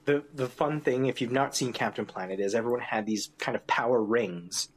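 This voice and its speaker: Husky man hosting a casual chat. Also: medium pitch, normal speed. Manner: leads the topic, laughs often mid-sentence. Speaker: podcast co-host.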